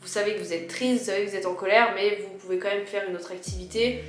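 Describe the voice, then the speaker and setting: A woman's voice: mid-range voice, fairly even intonation, quick pace. A woman with a slightly worn voice, explaining personal advice informally and chattily to her viewers. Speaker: video creator giving personal advice. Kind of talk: casual advice vlog, chatty. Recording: roomy echo with music behind.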